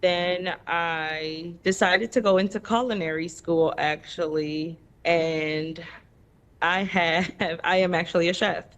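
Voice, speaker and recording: A woman in her thirties from the Dominican Republic, a native Spanish speaker, speaking unhurriedly in a lower voice. She talks as a relaxed interview guest, with frequent pauses. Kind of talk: casual interview talk.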